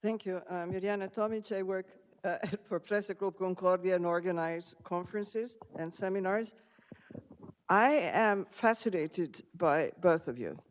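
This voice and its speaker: A woman from Serbia in the audience speaks at a measured pace in a lowish voice, politely commenting and then putting a question to the panel. The lecture hall around her is reverberant.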